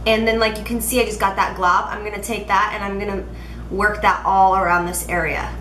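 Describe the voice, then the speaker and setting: A woman's voice: medium pitch, little pitch movement, brisk, fairly bright tone. A woman with a nasal, congested voice giving a casual, chatty makeup tutorial to camera, speaking directly and emphatically to viewers. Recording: roomy echo, faint background noise.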